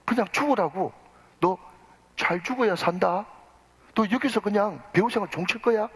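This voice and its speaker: A blunt assistant director pressing a young actor, slow and insistent, as a preacher puts him on. The voice is husky, and a long church reverb trails behind it. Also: male voice, high voice, pitched above the performer's own voice. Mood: urging.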